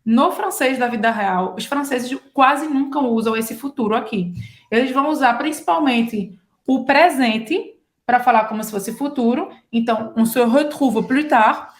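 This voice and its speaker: A Brazilian woman with a Brazilian Portuguese accent, pitched a little high, teaches French in a relaxed online lesson. She explains patiently, keeps checking in with her listeners and acts out short everyday dialogues. Her voice rings in a somewhat echoey room. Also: normal speed.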